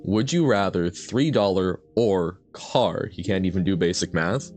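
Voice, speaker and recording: In casual gameplay commentary, a man reads and answers his chat, rambling thoughtfully and laughing frequently. His low, darkish voice has lively intonation and a measured pace, over soft background music.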